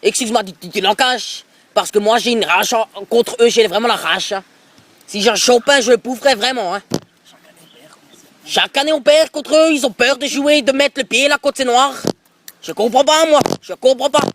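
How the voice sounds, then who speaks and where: A brash, bigoted middle-aged football coach with an Alsatian accent, as a man puts him on for a prank call. He rambles and pushes, tacking little tags onto every sentence in a rather high voice. It sounds like he is speaking with a phone held close to his mouth. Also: moderate pace, fairly bright tone. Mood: pushy. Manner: pushy, rambling, repeats filler tags. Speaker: prank caller.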